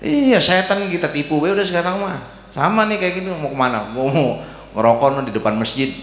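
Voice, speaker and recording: Joking preacher in echoey mosque. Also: male voice, a little high, a little fast. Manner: joking, lively, colloquial, teasing the congregation. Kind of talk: humorous sermon. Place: mosque hall. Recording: echoey mosque hall with long reverb.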